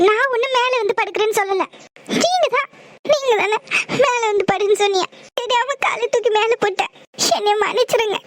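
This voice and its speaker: A woman playing a timid young wife, very high. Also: moderate pace, pauses often, a little hiss or hum. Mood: anxious. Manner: hesitant, pleading, soft-spoken. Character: timid young village wife, a former maid. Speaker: voice actor. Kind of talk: cartoon voice acting.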